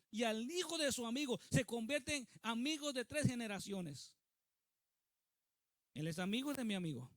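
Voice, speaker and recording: A man's voice: very high voice, a bit bright, no echo, studio quality. A male pastor preaching a sermon with emphasis, often putting questions to the congregation.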